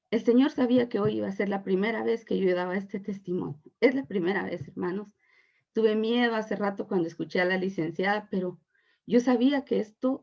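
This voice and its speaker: A woman's voice: medium pitch, gravelly, darkish tone, slightly rough, muffled recording. A woman in her forties giving an earnest, emotional faith testimony to her church congregation. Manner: earnest and emotional, addressing listeners as brothers and sisters.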